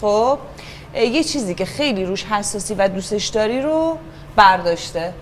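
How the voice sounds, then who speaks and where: A woman teaching a children's acting class, patient and encouraging, giving instructions and asking the class to keep quiet and pay attention. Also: medium pitch, lively intonation, a little hiss or hum.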